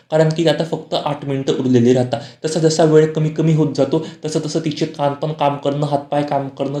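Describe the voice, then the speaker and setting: Very dark-voiced man narrating. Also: on the high side. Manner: repetitive, stock phrases. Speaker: serial recap narrator. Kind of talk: scripted narration. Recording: roomy echo.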